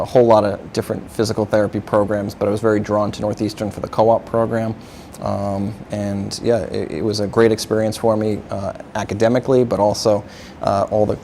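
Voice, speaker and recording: Gravelly man answering with many fillers. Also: lowish voice, darkish tone, slight background noise. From New York area. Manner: halting, many uh fillers, agreeable. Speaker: physical therapist, guest. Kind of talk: interview answers.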